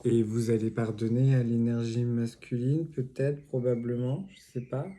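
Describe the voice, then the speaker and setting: A man with a steady, warm, medium-pitched voice speaks at normal speed while giving a casual tarot reading. He rambles, using lots of fillers, asides and jokes. It was recorded at home, with noise and clicks.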